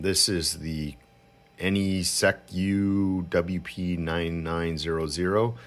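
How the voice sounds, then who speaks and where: A man giving a casual, unscripted product demonstration as a radio hobbyist, talking in a halting, informal way. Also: deep voice, fairly bright tone. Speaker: amateur radio hobbyist reviewer. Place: cluttered indoor radio room at home.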